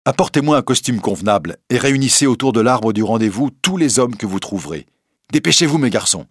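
A man's voice: medium pitch, expressive, quick pace, slightly rough, no room sound, studio quality, voice pushed up. A man voicing a bold, generous outlaw who speaks with confident, mocking politeness. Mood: assured, mocking. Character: bold, generous male outlaw, young adult.

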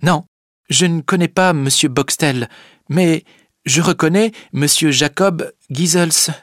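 A man voicing an earnest young peasant girl in a storybook reading, speaking in a high, strained voice. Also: slow, no room sound, studio quality.

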